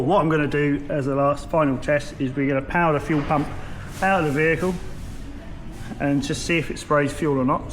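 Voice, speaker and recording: A man giving an informal, step-by-step hands-on tutorial as a mechanic in a workshop. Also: fairly high pitch. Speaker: mechanic presenter. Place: vehicle workshop. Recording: noisy workshop background.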